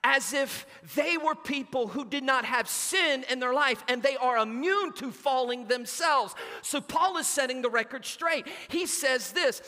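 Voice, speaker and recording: A middle-aged pastor, preaching a sermon and telling a family story in an animated way. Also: male voice, extremely high pitch, unhurried, hardly any pauses. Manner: animated storytelling, acting out quotes. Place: church sanctuary. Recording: long church reverb.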